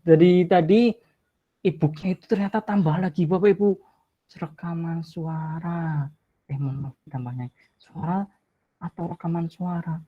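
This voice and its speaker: A man's voice: a little high, dark tone, muffled recording. A man presents an online tutorial in a chatty, apologetic way, thinking aloud as he clicks through the screen. He speaks from home in the evening. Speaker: teacher-training presenter.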